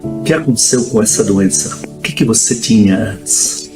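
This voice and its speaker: A woman interviews a girl for a testimony, guiding her with gentle, leading questions. Her voice sits unusually deep, with music clearly playing behind it. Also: lively intonation, moderate pace, low-quality recording.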